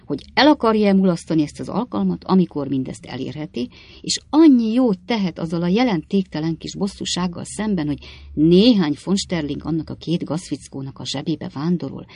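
A man reading an audiobook, voicing an elderly lawyer who pleads at length in a measured, persuasive way. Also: fairly high pitch, lively intonation, gravelly, darkish tone, husky, no echo, exaggerated voice. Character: scheming elderly male lawyer giving advice.

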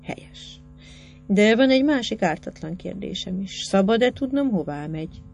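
A woman's voice: mid-range voice, expressive, vocal fry, darkish tone, soft background music. A woman reading aloud plays a curious young male senator who probes and mocks as he questions a girl. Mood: sly. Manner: probing and mocking.

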